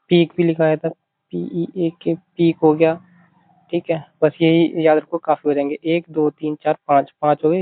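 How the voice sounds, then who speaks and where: A man's voice: a little high, gravelly, dry recording. Man teaching vocab over thin, phone-like audio. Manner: repetitive, keeps saying "theek hai", explains with mnemonics. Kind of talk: exam-prep vocabulary lecture.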